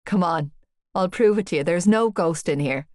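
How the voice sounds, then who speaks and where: A woman's voice: normal speed, dry recording, clean studio sound, close to an everyday voice. A woman doing a teasing teen boy. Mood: amused. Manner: lowered, soft teasing tone. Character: teenage boy, big, teasing and gently amused.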